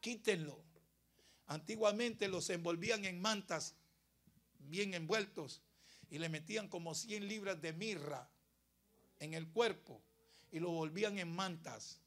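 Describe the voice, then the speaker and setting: A man's voice: high-pitched, unhurried, a bit bright. A Costa Rican male pastor giving a dramatic, emphatic sermon and asking questions of his congregation. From Costa Rica.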